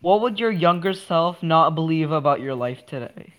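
A woman's voice: deep voice, animated, normal speed, phone-quality sound. A young woman asking the questions in a casual online chat, giggly and gushing, over voice chat. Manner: giggly, bubbly, gushes. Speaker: question asker.

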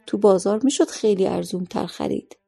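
A woman voicing a sly, respected man who speaks quietly and knowingly, in a story reading. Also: mid-range voice, gravelly, slightly rough, faint music behind. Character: sly, respected middle-aged man, smug.

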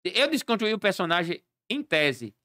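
A man, a clown and party entertainer, telling animated stories as a podcast guest and acting out the dialogue. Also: high voice, normal speed, no room sound, clean studio sound. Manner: animated storyteller acting out dialogue, laughing often.

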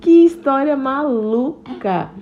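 A woman doing an excitable, gullible girl bee. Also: high-pitched, slow, dull audio, a crowd in the background, exaggerated voice. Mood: excited. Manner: excited, chattering.

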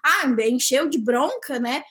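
A young woman, a podcast guest, telling a story in casual chat, animated, acting out the dialogue and laughing often. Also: high-pitched, a little slow.

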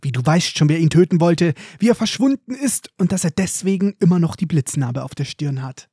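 A man's voice: fairly high pitch, animated, brisk, mellow, husky, no echo, clean studio sound. A man retelling a book as a storyteller, with sarcastic, mocking asides.

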